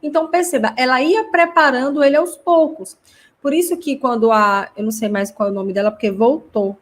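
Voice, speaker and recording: A woman's voice: sits high, brisk. A woman hosting a live online class for parents, chatty and explanatory as she answers viewer comments. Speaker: host teaching parents.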